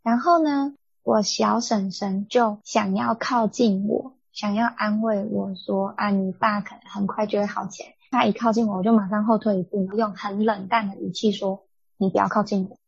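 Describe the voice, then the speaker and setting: A young woman co-hosting a podcast, telling a family story in an animated, indignant way. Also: medium pitch, moderate pace, gravelly, hardly any pauses, breathy edge, no echo. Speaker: podcast co-host. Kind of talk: casual storytelling chat. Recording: dull lo-fi dry sound.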